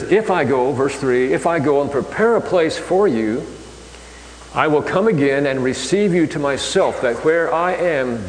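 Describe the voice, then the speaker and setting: In a big, echoey church hall with long-tailed reverb and a faint underlying hum, an older male preacher delivers a sermon. His mid-range voice is conversational and halting, full of fillers as he keeps restarting sentences.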